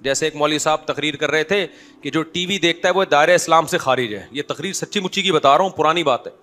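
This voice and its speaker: A man's voice: on the high side, pushed and bright. A man, an Islamic scholar, giving a conversational religious talk full of humorous anecdotes and often asking listeners if they follow.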